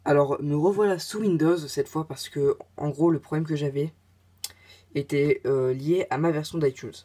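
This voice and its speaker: A man's voice: a little high, normal speed, warm tone. A man narrating a casual tech tutorial, talking hesitantly with many filler sounds and chatty asides.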